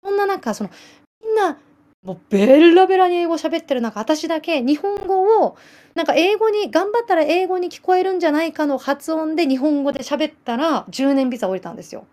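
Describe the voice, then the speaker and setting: A woman in her late thirties with a bright, high voice and a Nagasaki island accent chats casually with her livestream viewers. She tells animated stories, giggles often, and reads out their comments. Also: fairly quick. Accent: Nagasaki island dialect. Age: late 30s. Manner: chatty, giggly, animated storytelling. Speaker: livestream host.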